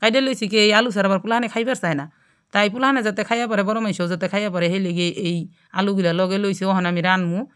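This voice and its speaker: A woman with a Gazipur regional Bengali accent hosting a cooking vlog, chatting straight to her viewers and often checking that they follow. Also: mid-range voice. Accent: Gazipur regional Bangladeshi Bengali. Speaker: cooking channel host. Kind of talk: casual cooking vlog narration.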